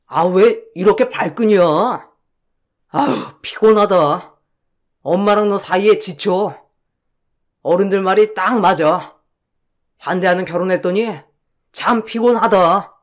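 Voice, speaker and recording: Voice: medium pitch, a little slow, long pauses, natural voice. A voice actor playing a tired defensive husband. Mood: weary. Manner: complaining, defensive. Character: irritable young husband, torn and tired. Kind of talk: radio drama acting.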